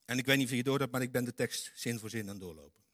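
A man preaching a lively sermon in a church. His voice is bright and forward, and the sound is close and dry with no room echo. He acts out quotes dramatically, swinging from loud to hushed. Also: mid-range voice, very fast.

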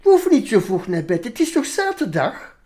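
A woman's voice: very animated, brisk, dark tone. A woman voicing a cheeky contrary sheep. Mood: protesting. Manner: high, indignant protests.

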